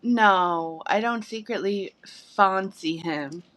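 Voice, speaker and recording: A woman's voice: medium pitch, takes it slowly. A woman with a Midwestern American accent co-hosting a casual podcast, laughing easily and using "like" often. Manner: giggly, relaxed, says "like" often. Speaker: podcast co-host.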